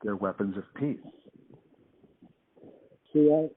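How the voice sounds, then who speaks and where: A man's voice: lowish voice, animated, takes it slowly. A man talking on a phone call, laid-back and hesitant, with a patchy, cutting-out line. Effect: heard over a phone line. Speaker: artist taking a phone call.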